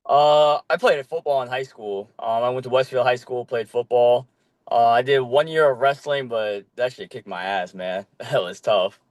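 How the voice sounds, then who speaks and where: A young man born in Korea, a podcast guest talking casually about playing flag football, with a relaxed manner and plenty of ums. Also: mid-range voice, normal speed, dry recording. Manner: relaxed, loose, with many ums and casual swearing. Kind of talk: casual chat.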